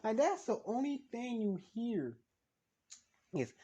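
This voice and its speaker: A man voicing a furious young man in monster form, yelling and cursing in disbelief. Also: very high voice, sing-song, slow pace, husky, pitched above the performer's own voice, exaggerated voice. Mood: outraged yelling.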